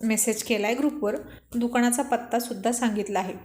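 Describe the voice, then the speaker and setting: Brief: teasing, bossy young man, blunt banter, slightly high voice, echoey room, read by a woman storyteller. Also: steady tone, a little fast, a little mellow, lightly acted. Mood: joking.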